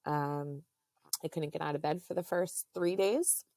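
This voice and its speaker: Low, gravelly woman telling a story slowly. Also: a little mellow, dry recording, clean studio sound. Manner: halting, with many fillers; earnest and faith-filled. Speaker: podcast guest. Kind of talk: personal storytelling in a podcast interview.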